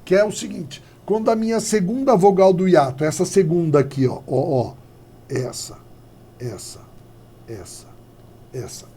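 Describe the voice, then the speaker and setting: A man's voice: high voice, measured pace, husky. A man, teaching a classroom grammar lesson and acting out little dialogues as he explains. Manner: lively, animated, acts out little dialogues.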